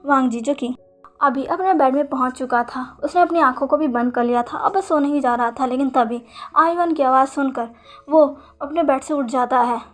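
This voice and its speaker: A young woman telling a fan-fiction story aloud in an informal, halting way with frequent restarts. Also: high-pitched, soft background music.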